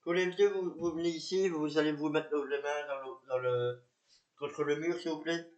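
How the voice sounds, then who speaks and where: Here the man speaks at a normal speed with fairly even intonation; his fairly high voice has a darkish tone. He narrates and plays a police officer in an amateur patrol reenactment, hesitating, repeating, and using many fillers, in an echoey room with dull audio.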